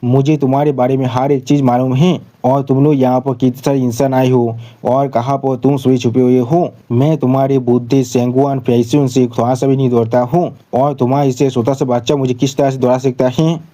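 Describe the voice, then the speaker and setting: A man voicing a cold, mocking old demonic cultivator in a manga recap, speaking calmly and tauntingly. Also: mid-range voice, fairly quick, few pauses, close to an everyday voice. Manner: calm and taunting.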